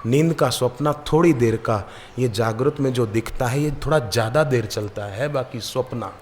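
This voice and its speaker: A man preaching at a devotional gathering, at a mid-range pitch. He tells his parables in a lively way and slips into the voices of the people in them. His words ring out with the long reverb of a large hall. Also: moderate pace, a little hiss or hum. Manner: lively storyteller who acts out the people in his anecdotes. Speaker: spiritual preacher. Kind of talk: devotional sermon with storytelling.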